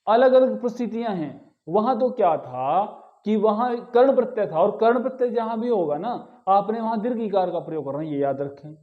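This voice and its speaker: A man's voice: sits high, lively intonation, moderate pace, phone-quality sound. A man teaching a grammar lesson, patiently repeating key words and asking the class rhetorical questions. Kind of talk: explanatory lesson.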